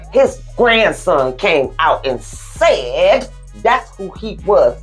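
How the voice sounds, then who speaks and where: A woman's voice: medium pitch, breathy edge. A woman co-hosting a podcast, talking in an easygoing, plain-spoken way and laughing often. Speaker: podcast co-host. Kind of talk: casual chat.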